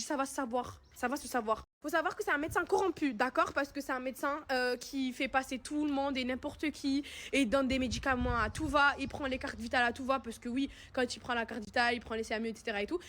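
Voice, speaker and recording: Indignant high-voiced young woman ranting. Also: fairly bright tone. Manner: indignant, slangy, emphatic retelling. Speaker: content creator telling a personal story. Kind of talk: casual storytime to followers.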